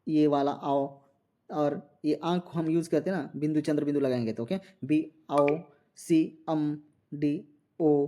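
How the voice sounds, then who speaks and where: A man's voice: on the high side, mellow. A man teaching a Hindi exam-prep lesson, explaining step by step and often asking the students if they follow. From India. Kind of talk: classroom MCQ lesson.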